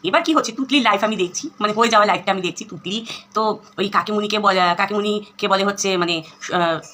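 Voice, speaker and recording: A woman's voice: medium pitch, sharp tone, a little hiss or hum. A woman vlogger with a Bengali accent, ranting at her rivals in a scolding, sarcastic and insulting way. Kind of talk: angry vlog rant.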